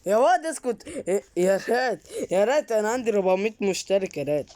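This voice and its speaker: A woman with an Egyptian Arabic accent plays along in a casual video game story. Her mid-pitched voice fires off questions and exclamations, often repeating a phrase several times. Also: animated, fast talker, mellow, dry recording. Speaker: gamer making a role-play film in Roblox. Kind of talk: casual improvised game role-play.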